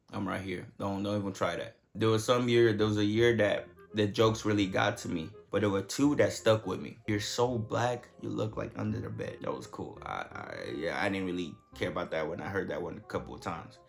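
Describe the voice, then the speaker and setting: A man's voice: fairly low pitch, vocal fry. A young man from Nigeria telling his story to camera in a casual, joking, profane way. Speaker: vlogger.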